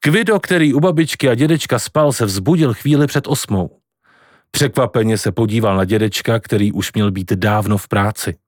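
A man's voice: on the low side, dry recording, studio quality. Man reading a novel chapter aloud. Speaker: narrator. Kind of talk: scripted audiobook narration.

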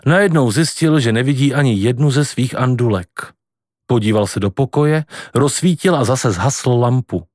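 A man narrating a novel in a measured, scripted audiobook style. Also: mid-range voice, darkish tone, dry recording, studio quality.

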